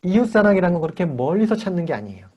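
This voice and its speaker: Very fast and high-pitched, a man delivers a character-training lesson at church to kids and parents over a lo-fi video call. He keeps things lively by acting out little scenes of dialogue with the children.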